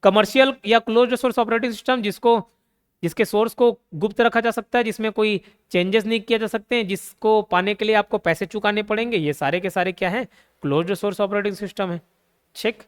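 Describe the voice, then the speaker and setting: A man's voice: sits high, fairly quick, clean tone. A young man, teaching an exam-prep lesson full of playful memory tricks and repeated key words. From India. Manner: playful, repeats key words, asks and answers his own questions. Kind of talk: Hindi lecture with mnemonic tricks.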